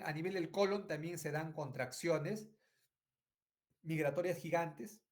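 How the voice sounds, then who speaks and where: A middle-aged man giving an online medical lecture, repeating phrases and asking "right?" often. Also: fairly high pitch. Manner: frequent tag questions and fillers.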